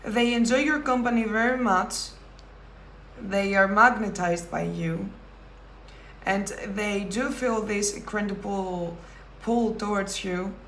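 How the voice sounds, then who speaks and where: Woman, tarot reader, unhurried, reflective, pauses, roomy sound, faint ambience. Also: medium pitch, steady tone, fairly bright tone, a little hiss or hum. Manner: slow, thoughtful delivery with pauses and self-corrections. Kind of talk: pick-a-card tarot reading.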